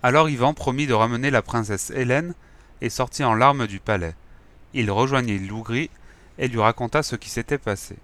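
A man narrating a fairy tale in a calm, measured reading voice. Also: medium pitch.

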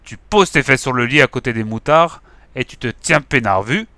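A menacing, edgy gang boss growls his orders, put on by a man reading a storybook. The voice is bright and forceful, and he snaps out his threats. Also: mid-range voice, lively intonation, moderate pace, dry recording. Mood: threatening. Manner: gruff and threatening. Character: menacing, nervous male gang leader with a squint.

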